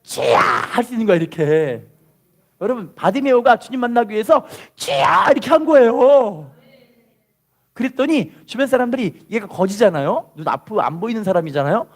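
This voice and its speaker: A man delivers a Sunday sermon as a pastor, his voice sitting high and leaping up and down as he preaches. He draws the congregation in with questions and repeated phrases. At the peaks he breaks into full shouts. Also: brisk. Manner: animated preaching with call-and-response, shouting at peaks.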